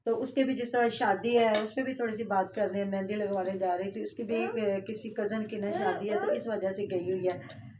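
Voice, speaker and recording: A woman talks her way through a reaction vlog, chatty and rambling with plenty of fillers and asides. Her voice sits at a middle pitch. Faint noise and small clicks run under the recording. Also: steady tone, moderate pace, darkish tone. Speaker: vlogger reacting to family vlogs. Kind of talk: casual reaction commentary.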